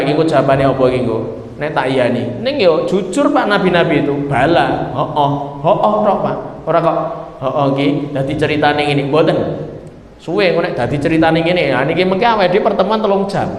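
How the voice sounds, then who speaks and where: A man with a Javanese accent preaching a sermon in a joking, chatty way, often turning to the audience. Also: on the high side. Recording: echoey hall with faint noise.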